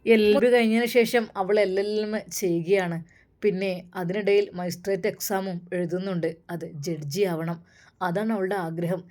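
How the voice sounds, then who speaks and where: A woman voicing a calm young male religious scholar in a storytelling video, speaking low and softly. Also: normal speed, natural voice. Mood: explaining.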